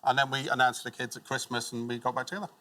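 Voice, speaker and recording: A man's voice: mid-range voice, fairly even intonation, very fast, pushed and bright, slight background noise. A middle-aged man telling a casual story as a quiz contestant. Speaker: game show contestant.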